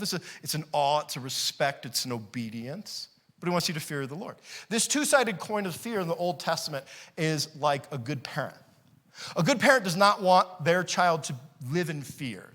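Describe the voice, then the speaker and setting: A male pastor preaching a sermon in his church. His voice sits a little high for a man. He repeats key phrases, drops low for solemn lines and picks up energy for lively ones. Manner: preaching with rising intensity, repeating key phrases, quick laughs. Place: church sanctuary.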